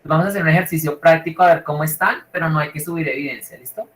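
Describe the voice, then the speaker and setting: Man, Bogotá Colombian accent, literature teacher, online class, fairly high voice, echoey room, informal and rambling. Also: racing, fairly bright tone. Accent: Bogotá Colombian Spanish. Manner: informal, rambling, checks in with students constantly. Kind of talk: live online class lecture.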